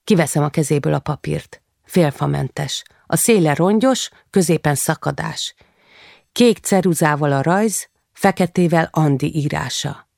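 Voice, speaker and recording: A woman reading a first-person novel in a quiet, measured way, lifting her voice for the children. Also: low voice, gravelly, no room sound, clean studio sound. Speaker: audiobook narrator.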